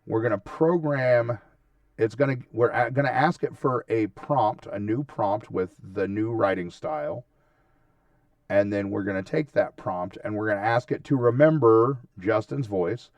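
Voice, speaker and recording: A man with a fairly low, creaky voice talks at a measured pace while hosting a casual screen-share tutorial. He walks through each step informally, often checking in with short tag questions. The recording is dry, with a distant mic.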